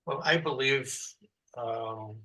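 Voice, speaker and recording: A man's voice: mid-range voice, slow, bright, forceful tone, poor audio. A man from Israel speaking as a panelist, making blunt, emphatic arguments in a policy discussion.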